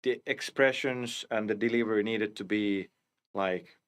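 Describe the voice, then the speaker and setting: A man, a cinematics director, talking casually in an interview, halting with many restarts and fillers. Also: lowish voice, a bit bright, clear, resonant tone. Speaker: live action and cinematics director.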